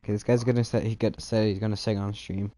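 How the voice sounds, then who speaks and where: Low, dark-voiced male streamer. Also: little pitch movement, fast talker, dry recording. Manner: teasing, offhand banter. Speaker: streamer and host. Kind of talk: casual gaming stream chat.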